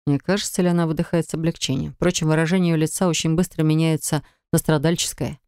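A woman reading first-person audiobook narration in a measured, even way. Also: low-pitched, clear, resonant tone, dry recording, clean studio sound.

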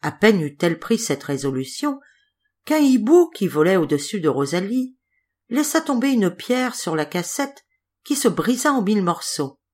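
A woman reading a fairy tale aloud as an audiobook narrator, calm and measured. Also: medium pitch. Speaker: audiobook reader. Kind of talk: storybook narration.

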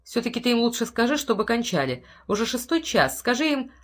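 A woman's voice: on the high side, big pitch swings, fairly quick, voice pushed up. A woman reading the lines of a frightened, nervous housewife and mother who speaks with breathless, pleading urgency. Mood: uneasy.

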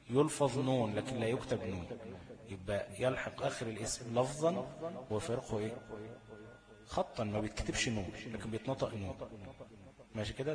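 A man with an Egyptian Arabic accent teaching recitation rules in a classroom lesson. He keeps asking the class questions and then answers them himself. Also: on the low side.

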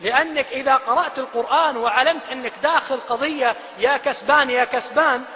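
Brief: male preacher, quick and bright, sermon in a reverberant hall. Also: very high voice. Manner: animated, swings from loud emphatic to hushed.

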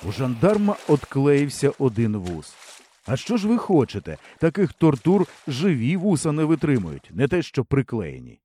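Male audiobook reader, mellow tone, lively comic delivery. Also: mid-range voice, normal speed, a little hiss or hum. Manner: expressive, comic storytelling. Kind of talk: scripted storybook narration.

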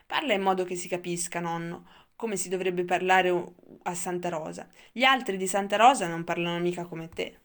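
A woman's voice: fairly low pitch, moderate pace, hardly any pauses, lightly acted. A woman voicing a blunt, impatient young male tribesman in an audiobook. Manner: blunt, demanding.

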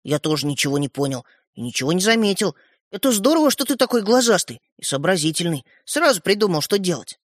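A man voicing a curious, excitable young boy who fires off questions. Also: sits high, fast talker, no room sound, clean studio sound. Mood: eager. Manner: eager, questioning.

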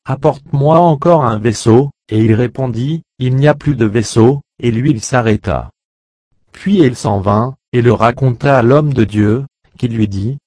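A man reading an old French Bible translation aloud as steady scripted narration. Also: medium pitch, dry recording, studio quality. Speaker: Bible reader.

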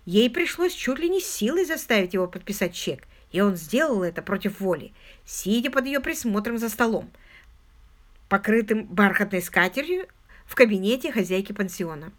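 A woman narrating an audiobook in an expressive, scripted reading style. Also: mid-range voice, moderate pace.

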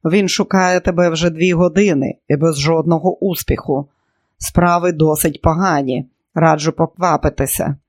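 A man reading an audiobook, voicing a stout, sardonic brothel madam in a brisk, mocking way. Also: on the high side, steady tone, no room sound, clean studio sound, close to an everyday voice.

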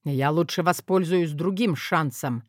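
A scheming young lord, sly and lustful, who draws out his words with quiet menace, as a woman narrator performs him. His voice sits low. It sounds dry and close, with no room around it. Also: no room sound. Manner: low, menacing, drawn-out lines. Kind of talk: audiobook character voice.

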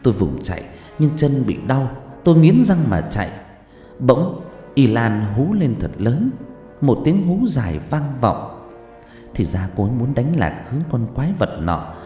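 A man telling a horror story in the first person, with a dramatic, animated delivery and a mellow, dark tone. His voice rings in a roomy space with a long reverb, and faint music plays underneath. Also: mid-range voice, a little slow.

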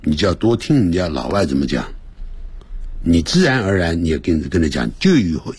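A man's voice: low-pitched, darkish tone, breathy edge, no echo. A man teaching English on the radio, explaining grammar and pronunciation and reading sentences aloud for listeners to repeat. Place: radio studio.

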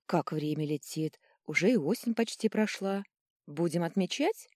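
Woman reading a mischievous young noblewoman, playful, coquettish, animated, dry close sound, audiobook. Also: on the low side, moderate pace, dry recording.

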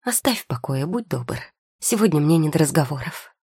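A weary young potion-maker who snaps back with curt, sarcastic answers, as a woman reads her in an audiobook. The voice is low, dark and husky. It is recorded close and dry. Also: very animated, moderate pace, no room sound, full character voice. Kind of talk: audiobook character voice.

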